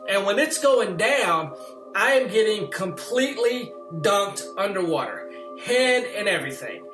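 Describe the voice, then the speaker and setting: A man casually recounting an ordeal at sea in an interview, animated and full of fillers. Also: sits high. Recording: roomy sound with music underneath.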